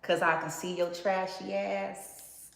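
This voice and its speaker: A woman's voice: mid-range voice, little pitch movement, slow, vocal fry. A woman giving a casual tarot reading in a blunt, profane, sassy way. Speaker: tarot card reader. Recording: roomy echo with faint background noise.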